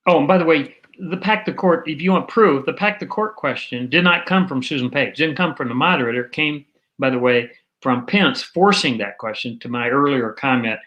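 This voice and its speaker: A male host gives casual political opinions in a loose, rambling way. He digresses often and fills his pauses with "um" and "uh". His voice sits at an ordinary middle pitch. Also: expressive, a bit bright, highs cut off. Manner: rambling, digressive, lots of fillers.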